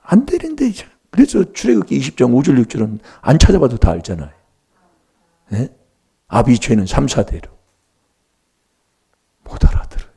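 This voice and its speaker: A man's voice: medium pitch, sing-song, a little fast, creaky, mellow, breathy edge. A middle-aged man preaching a sermon in a church, emphatic and prompting the congregation for replies.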